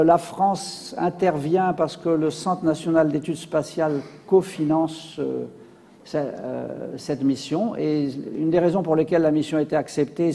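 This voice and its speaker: Gravelly man lecturing in a hall. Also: mid-range voice, mellow, a little hiss or hum. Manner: hesitant, many fillers and restarts. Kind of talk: public science talk with slides.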